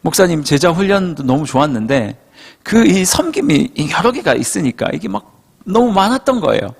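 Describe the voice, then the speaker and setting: A man's voice: high-pitched, sing-song, moderate pace, vocal fry, slightly rough, full character voice. Man doing a bubbly young woman. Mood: gushing. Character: young woman trainee, cheerful and eager.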